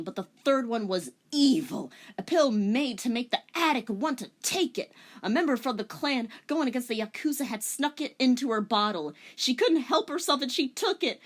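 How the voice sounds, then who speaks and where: This is a recorded voice-over by a woman with a fairly high, slightly bright voice, hosting a comedic dramatic reading. She narrates the story theatrically, then breaks into informal, incredulous commentary, with music playing underneath.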